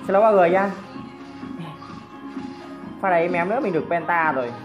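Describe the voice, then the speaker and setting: A woman giving excited commentary over her own mobile game match, full of exclamations and teasing jabs at opponents. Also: fairly low pitch, a little fast, dull audio, over music. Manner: exclamatory, teasing opponents, frequent cries of surprise. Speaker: gameplay commentator.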